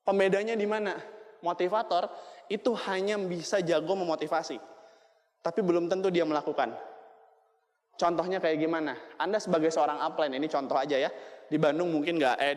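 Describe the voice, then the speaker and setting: A man giving a motivational seminar talk. He speaks in a lively, joking way and keeps asking the audience questions. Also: a little high, brisk. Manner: lively, jokey, asks the crowd questions. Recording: long hall reverb.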